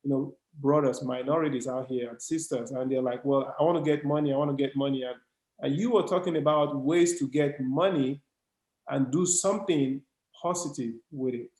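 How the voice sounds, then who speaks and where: A man's voice: mid-range voice, moderate pace, a little mellow. A man with a Nigerian accent hosting a podcast interview, earnest and emphatic, often stumbling over his words. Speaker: podcast host. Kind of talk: casual interview chat. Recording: roomy echoey sound.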